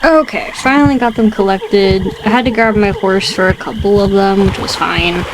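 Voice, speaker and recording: A woman's voice: mid-range voice, normal speed. A woman giving casual let's-play commentary as a gaming YouTuber, chatty and full of "like", often stumbling over her words. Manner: chatty, fills with "like". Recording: steady background noise.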